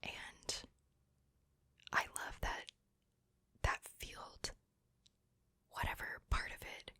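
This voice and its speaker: A woman whispering breathily, very close to the ear, in a casual ASMR chat. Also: bright, forceful tone. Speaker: ASMR video maker. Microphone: very close to the mic, ear to ear.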